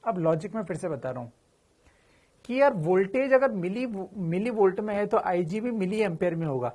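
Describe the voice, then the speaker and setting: A man's voice: high-pitched, animated, moderate pace, a little mellow. A man teaching physics in a chatty, informal lecture, asking questions and answering them himself. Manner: addresses students familiarly, slips in slang.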